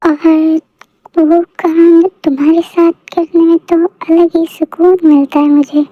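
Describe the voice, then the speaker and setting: A woman's voice: very high-pitched, level tone, slow, no echo. A woman voicing a teasing mafia boss husband. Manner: playful, flirty, boastful. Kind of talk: fan audio story. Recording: dull lo-fi dry recording.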